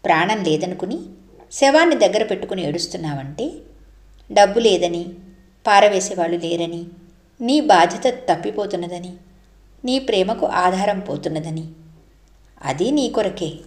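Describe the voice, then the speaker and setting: A woman voicing a young girl who speaks with calm, gentle wisdom, in a storybook reading. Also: fairly low pitch, moderate pace, long pauses, echoey room, lightly acted.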